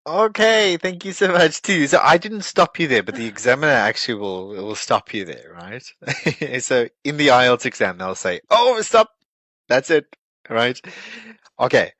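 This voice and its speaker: A man's voice: mid-range voice, expressive, normal speed, pushed and bright, no echo, lo-fi sound. A man coaching students for a speaking test, giving feedback and explaining with examples. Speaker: English teacher.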